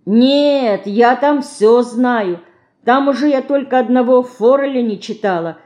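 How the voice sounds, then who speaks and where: A woman's voice: a little high, unhurried, dark tone, voice pushed up, natural voice. A woman reading an audiobook, voicing an earnest, sensible schoolgirl who is the older sister.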